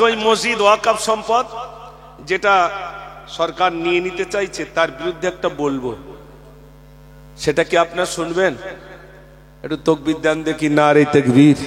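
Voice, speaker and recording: A man's voice: sits high, normal speed, long pauses, a bit bright. A man preaching a fiery sermon at a religious gathering, rising into sing-song chanting and calling out to the crowd. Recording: long reverb with faint mains hum.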